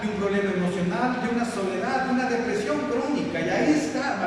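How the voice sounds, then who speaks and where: A man's voice: sits high, a little mellow. A male pastor preaching a sermon with emphasis, acting out quoted prayers in a rising voice. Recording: echoey hall, distant mic, noisy.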